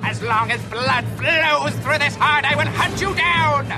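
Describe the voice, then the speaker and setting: A theatrical cartoon villain vowing eternal vengeance. The voice is pushed very high and drawn out slowly, with music playing underneath. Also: male voice. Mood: vengeful. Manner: pompous, theatrical, archaic phrasing. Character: melodramatic vengeful man swearing eternal revenge. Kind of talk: cartoon voice acting. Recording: cartoon clip with music behind.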